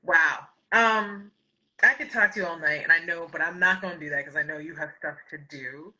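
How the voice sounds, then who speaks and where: A woman hosts a casual interview, speaking in a heartfelt, rambling way. Her voice is very bright and sharp, with a husky, breathy edge, and her pitch sits somewhat high. The sound is slightly dull and lo-fi. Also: normal speed. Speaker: podcast host.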